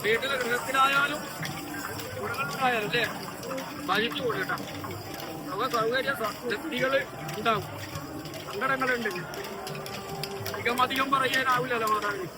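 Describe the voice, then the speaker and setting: A man's voice: very high-pitched, moderate pace, pauses often, over loud music. A man with a Kerala accent speaking as a possessed oracle, exhorting and blessing devotees in repeated set phrases.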